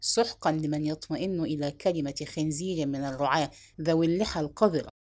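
A woman's voice: low voice, fast, darkish tone, pitched below the performer's own voice. A woman reading the part of a proud young king, lovesick and stung, who answers with stern, scornful retorts. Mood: angry.

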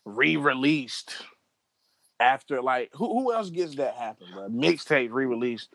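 A man's voice: medium pitch, lively intonation, unhurried, fairly bright tone, dry recording. A man in playful, teasing casual chat full of slang.

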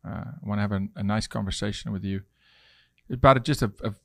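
A man's voice: fairly low pitch, fairly even intonation, a little fast, creaky, dry recording, studio quality. A South African man in his forties from Johannesburg, hosting a podcast interview in a casual, conversational way. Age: 40s. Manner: conversational, restarts often. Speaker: podcast host.

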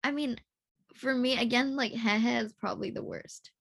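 Breathy giggly young woman on a call. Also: on the high side, moderate pace, fairly bright tone. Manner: giggly, hesitant, lots of fillers. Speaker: co-host. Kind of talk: casual chat over a video call. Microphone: video call.

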